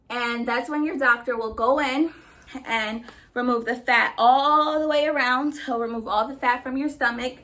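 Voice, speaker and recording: A woman's voice: high voice, fairly bright tone. A woman chatting casually to her viewers in an emphatic, sassy, slangy way, a little short of breath. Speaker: vlogger.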